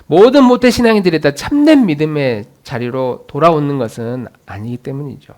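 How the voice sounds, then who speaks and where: A male pastor preaching in a church with a lively, far-ranging voice. His voice sits a little high for a man. He swings between loud, urging lines and soft, musing asides. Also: brisk. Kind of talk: sermon. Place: church sanctuary.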